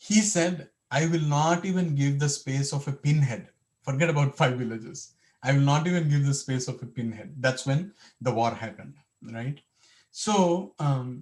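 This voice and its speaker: Man giving a spiritual class. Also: medium pitch. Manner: animated storytelling with Hindi code-switching; rhetorical checks like "right?". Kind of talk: sermon-style class.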